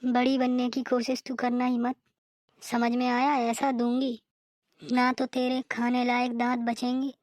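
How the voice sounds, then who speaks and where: A woman's voice: a little high, completely flat delivery, unhurried, a little mellow, no room sound, studio quality, natural voice. A woman voicing an overworked elder sister-in-law in a cartoon, bossy and nagging as she grumbles about the housework. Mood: threatening. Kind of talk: cartoon voice acting.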